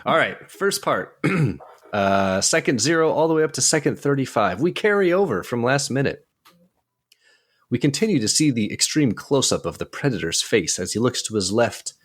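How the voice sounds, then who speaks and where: A man's voice: mid-range voice, moderate pace. A man co-hosting a film podcast, chatting casually, reading listener notes and narrating a scene, laughing often. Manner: lively, laughing, reads listener submissions. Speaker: podcast co-host.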